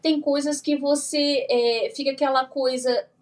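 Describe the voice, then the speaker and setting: A woman with a Brazilian Portuguese accent, a guest in a casual interview, telling a lively story and acting out what people said. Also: high voice, measured pace. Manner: animated storyteller who acts out what she and others said. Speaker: guest, firearms instructor.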